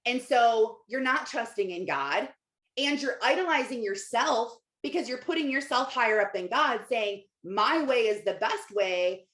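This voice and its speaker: On the high side and a bit bright, this woman's voice echoes around the room as she gives a casual motivational livestream. She reads out comments and coaches in a conversational, informal manner, stressing points with rhetorical questions and repeated phrases.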